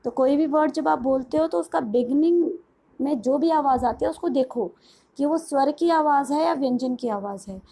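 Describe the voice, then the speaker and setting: A woman's voice: sits high, mellow, low-quality recording. A woman teaching an English pronunciation lesson, mixing Hindi and English. She asks her students questions, answers them herself, and drawls out English phrases word by word. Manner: slows right down for English phrases. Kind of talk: bilingual classroom lesson.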